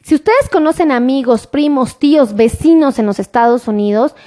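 A woman doctor with a Mexican Spanish accent, chatting casually on a live stream, thanking viewers by name and slowly dictating phone numbers. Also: sits high, lively intonation, mellow.

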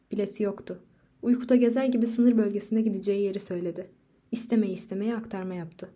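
A woman reads a literary story as an audiobook narrator, measured and expressive as she carries the scenes along. Her voice is mellow and dark, in a middle pitch for a woman.

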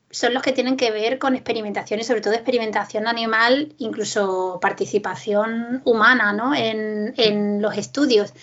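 A woman co-hosts a panel and poses inquisitive questions. Her voice sits a little high. The recording is dull and lo-fi. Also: fairly bright tone. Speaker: co-host. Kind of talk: moderating a panel.

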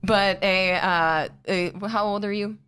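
A bubbly woman in her twenties chats on a podcast with an average-pitched voice. She giggles easily and makes fun of herself. The sound is dry and close. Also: steady tone, takes it slowly, a bit bright, smooth, dry recording. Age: 20s. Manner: bubbly, giggly, self-deprecating. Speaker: podcast co-host. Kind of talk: casual podcast chat.

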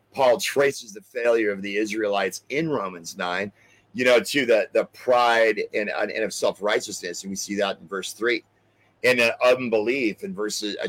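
A man preaching a sermon, explaining scripture verse by verse, often halting on repeated words and asking "right?". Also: fairly low pitch, a bit bright, rough recording. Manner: expository, cites scripture verses.

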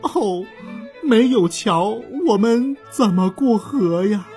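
A woman's voice: mid-range voice, expressive, takes it slowly, mellow, soft background music, voice pushed up. A woman voicing a fretful mother pangolin in a children's story. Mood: worried.

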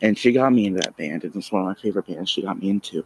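A man's voice: sits low, animated, rapid-fire, a little hiss or hum, poor audio. A man chatting casually and enthusiastically to camera outdoors, rambling and repeating himself as he talks. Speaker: vlogger. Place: outdoors in the cold, street traffic nearby.

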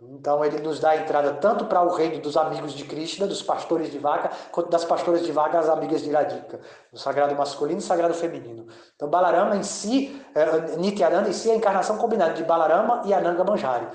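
Halting devotional teacher, echoey room. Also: male voice, a little high, darkish tone. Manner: slow, halting, chants mantras drawn out. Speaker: spiritual teacher. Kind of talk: devotional audio talk.

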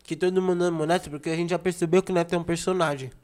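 A man co-hosting a casual chat, excitable and slangy, laughing a lot. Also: a little high, very fast. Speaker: podcast co-host.

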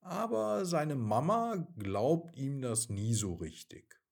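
A man narrating a bedtime story for children in an expressive, gently animated way. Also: medium pitch, slow, creaky.

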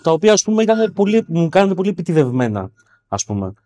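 A man co-hosting a casual film discussion podcast, thoughtful, restarting sentences with fillers and often trailing off quietly. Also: high-pitched, big pitch swings. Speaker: podcast co-host.

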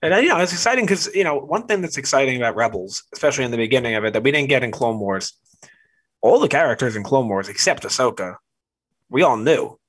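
Excitable young man with stammering restarts. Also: medium pitch, fast, slightly rough. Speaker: podcast co-host. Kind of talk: casual podcast chat.

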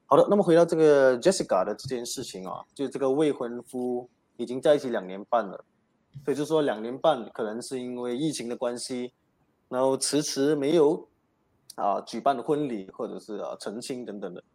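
A man's voice: mid-range voice, brisk, dark tone. Chatty male advice show host. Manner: talks with many fillers. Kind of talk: casual radio talk.

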